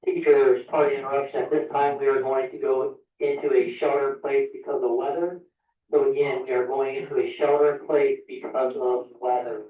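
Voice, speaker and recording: A man making a calm, repeated announcement over a school intercom as a staff member. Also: mid-range voice, moderate pace. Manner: flat, calm, repeats the notice. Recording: dull roomy loudspeaker from far off.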